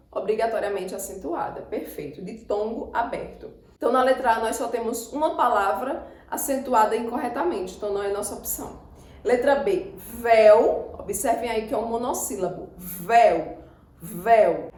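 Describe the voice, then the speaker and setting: A Brazilian woman teaches a grammar lesson for exam prep, sounding out each word slowly and repeating it syllable by syllable. Her voice sits a bit high for a woman. The room around her is noticeably echoey. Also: a little mellow. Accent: Brazilian Portuguese. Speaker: Portuguese teacher.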